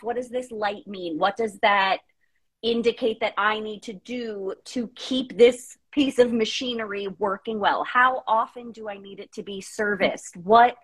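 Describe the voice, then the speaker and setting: A woman in her thirties, a podcast guest chatting candidly and telling animated stories with many fillers. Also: on the high side, husky, rough recording. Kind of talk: casual chat.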